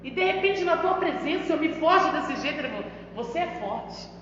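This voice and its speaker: This is a woman missionary speaking with a Brazilian Portuguese accent, preaching an emphatic testimony and frequently turning toward the pastor. Her voice is extremely high, quick and fairly bright, recorded in an echoey, dull-sounding church hall with a little hiss or hum.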